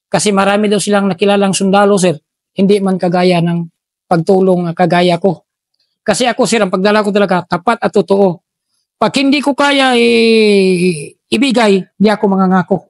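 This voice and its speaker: A middle-aged man, a former special forces soldier telling war stories in an interview, deferential and halting, saying "sir" after nearly every phrase. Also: high-pitched, steady tone, no echo. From Philippines. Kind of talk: casual interview storytelling.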